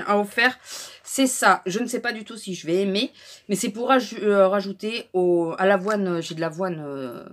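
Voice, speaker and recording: A woman's voice: mid-range voice, sharp tone. A woman chatting casually in a haul vlog, telling an indignant story with lots of fillers and restarts. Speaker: vlogger.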